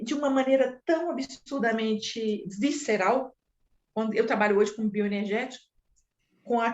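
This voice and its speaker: A woman telling a personal story in an animated, repetitive way, with sound effects. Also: high voice. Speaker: spiritual speaker. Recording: echoey room, dull lo-fi sound.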